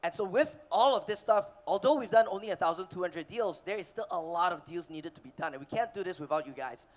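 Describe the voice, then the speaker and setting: A man in his thirties from Malaysia, giving a casual, energetic keynote on a conference stage with filler words and restarts. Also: high-pitched, fast. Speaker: keynote speaker, investor. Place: conference stage before an audience.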